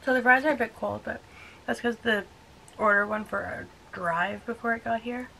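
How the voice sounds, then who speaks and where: A woman reviews food on a casual vlog, speaking while her mouth is full. Her voice sits slightly high and stays relaxed and chatty. A faint hum of room noise runs underneath. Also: normal speed, gravelly, low-quality recording. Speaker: vlogger.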